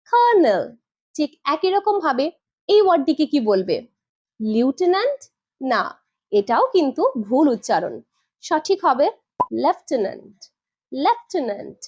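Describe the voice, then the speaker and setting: A woman teaching English pronunciation in a lesson, asking the viewer questions and repeating each correct word slowly. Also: sits high, darkish tone, dull audio.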